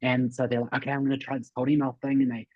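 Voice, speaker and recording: Racing along in a mid-range voice with little pitch movement, this New Zealand-accented man is hosting a coaching webinar as a business coach. He drives his points home emphatically, says the important ones more than once, and keeps checking in with listeners, all through muffled, roomy audio.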